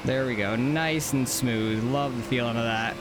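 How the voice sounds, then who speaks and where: A man's voice: medium pitch, moderate pace. A man giving casual, informal live commentary while sim racing, thinking aloud as he drives. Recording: engine noise behind voice. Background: racing game car engine.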